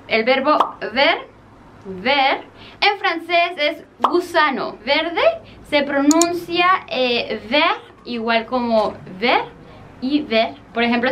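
Playful high-voiced Mexican woman teaching French. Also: fairly bright tone, a little hiss or hum. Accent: Mexican Spanish. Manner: playful, explains words then acts out French example phrases. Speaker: language teacher vlogger. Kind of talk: casual language lesson. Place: apartment without air conditioning.

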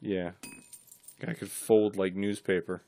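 Male gaming streamer, low register, dry deadpan delivery, casual co-op banter. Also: takes it slowly. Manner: reads facts aloud off his screen in a dry, matter-of-fact way.

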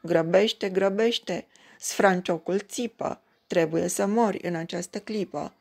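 A cruel storybook lord, voiced by a woman narrator who barks stern commands in a low, gravelly tone. He hurries his victim along without pity. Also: a little mellow. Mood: urging. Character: cruel young lord bent on killing his wife.

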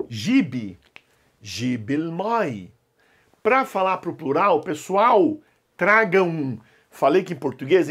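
Animated husky male language teacher. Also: fairly high pitch. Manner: animated, coaxing students to repeat aloud. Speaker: Arabic teacher. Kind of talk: online language lesson.

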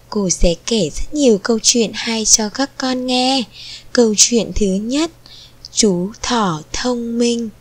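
A woman reads bedtime-style stories aloud to small children. Her delivery is gentle and clear, and she takes her time over every phrase. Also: fairly high pitch. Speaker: children's storyteller. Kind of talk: storytelling for young children.

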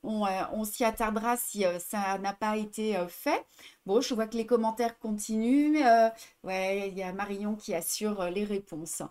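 A woman's voice: medium pitch, fairly even intonation, moderate pace, a little mellow. A woman with a French accent hosting a casual livestream, chatting, reading out viewer comments and repeating herself in three languages. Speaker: embroidery shop host.

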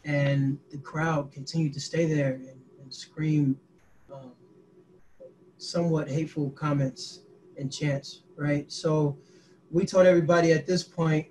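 A man in his twenties, a youth activist, recounting events on a video call in a halting way with many fillers. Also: fairly high pitch, steady tone, darkish tone, slight background noise, low-quality recording. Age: 20s. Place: small indoor room. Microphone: laptop webcam mic, group on one call.

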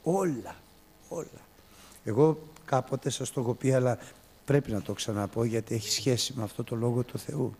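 A man preaching a sermon, telling a story with swings from soft to loud. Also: mid-range voice, slightly rough.

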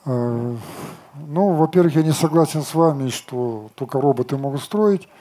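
A man's voice: fairly high pitch, lively intonation, normal speed, dark tone. A man in his sixties speaking confidently on an outdoor festival stage, lecturing and answering audience questions with rhetorical questions. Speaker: company chief designer answering questions.

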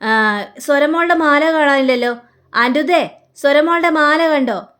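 A woman's voice: high voice, fairly quick, natural voice. A woman voicing a proud, defiant young wife who answers back sharply in a retold family quarrel. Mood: worried.

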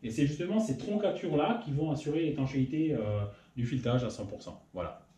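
A man hosting his own workshop channel, explaining machining in a casual technical tutorial, often pausing with fillers. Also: fairly high pitch, expressive, warm tone, slight background noise. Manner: hesitant, many filler pauses. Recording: roomy echo.

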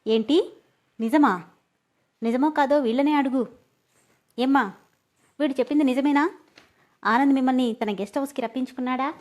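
A self-assured young man who grills his friend with pointed questions, as a woman narrator puts him on. His voice sits fairly high and firm. The storybook telling stays close and direct. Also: moderate pace, long pauses, close to an everyday voice. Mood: stern. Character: confident young man, amused then stern.

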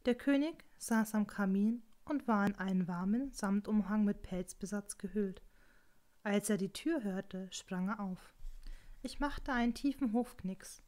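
Female audiobook narrator, calm, intimate first-person reading. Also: mid-range voice, a little slow. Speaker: audiobook reader.

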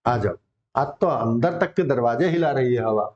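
A man's voice: mid-range voice, expressive, moderate pace, a little mellow, slight background noise. A male English vocabulary teacher, drilling words with students in a casual, encouraging coaching-class manner. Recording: dull lo-fi sound.

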